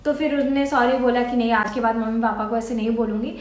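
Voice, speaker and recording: A woman's voice: on the high side, steady tone, quick pace. A young woman from India talking casually to camera, giving earnest, coaxing advice like an older sister. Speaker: student vlogger. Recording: echoey room.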